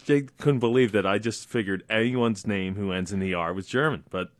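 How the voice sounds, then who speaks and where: A man hosting a radio show, easygoing, with quick short replies and casual asides. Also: on the low side, dry recording. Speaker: radio host. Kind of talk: casual radio interview chat.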